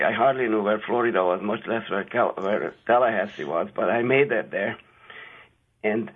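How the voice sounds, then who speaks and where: A man's voice: on the low side, husky. Older man on tinny radio. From Hungary. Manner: halting, with many fillers. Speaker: guest scientist. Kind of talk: radio interview. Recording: tinny phone-like radio audio.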